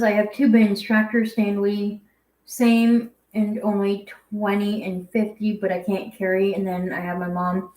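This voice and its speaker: A young adult woman hosting a casual home livestream, rambling as she reads viewer comments aloud. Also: mid-range voice. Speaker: guinea pig channel host. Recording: echoey room.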